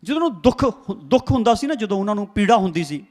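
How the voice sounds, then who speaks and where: Emphatic high-voiced male preacher. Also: sing-song, fast, darkish tone. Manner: emphatic, repeats phrases, calls for congregation response. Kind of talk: sermon. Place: church before a congregation.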